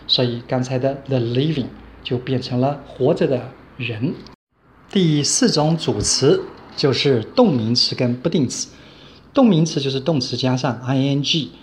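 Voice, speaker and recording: A male teacher walks through grammar examples in a steady, mid-pitched voice. He repeats each example and spells out the letters. A faint hiss of noise sits under the recording. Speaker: English teacher. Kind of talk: grammar lecture.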